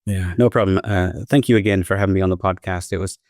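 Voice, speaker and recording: A man's voice: low-pitched, fairly even intonation, fast, darkish tone, dry recording, clean studio sound. A middle-aged man from the southern United States, a college principal talking as a podcast guest in an earnest, conversational way. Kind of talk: podcast interview.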